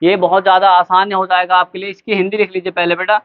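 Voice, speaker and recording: High-voiced man teaching grammar, tinny sound. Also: little pitch movement, smooth. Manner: addresses students as beta, asks and answers own questions; spells words letter by letter slowly. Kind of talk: classroom lesson. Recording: tinny phone-like lo-fi recording.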